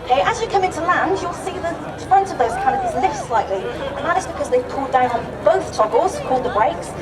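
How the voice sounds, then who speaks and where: A woman's voice: sits high, big pitch swings, brisk. A woman giving live airshow commentary, explaining the parachute display directly to the crowd. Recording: distant echoey PA, loud crowd and noise.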